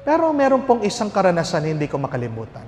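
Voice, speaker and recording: A priest delivers a homily in a fairly high voice, telling stories and asking his listeners questions. He slips in jokes and then returns to earnest lessons. His voice rings out in a long-reverb hall, with faint music beneath. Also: fast. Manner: lively storyteller with jokes and rhetorical questions. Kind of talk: homily with storytelling.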